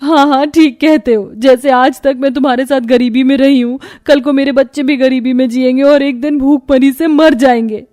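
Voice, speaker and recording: A woman's voice: medium pitch, normal speed, hardly any pauses, warm tone, lightly acted. A woman voicing a poor, tired young mother and wife with a sorrowful, complaining tone, in storybook acting. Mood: angry.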